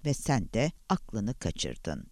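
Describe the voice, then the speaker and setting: A man's voice: on the low side, wildly swooping pitch, very slow, darkish tone, no room sound, studio quality, pitched below the performer's own voice, exaggerated voice. A man reading an audiobook voices a bewildered, alarmed male professor who answers defensively. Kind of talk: audiobook character voice.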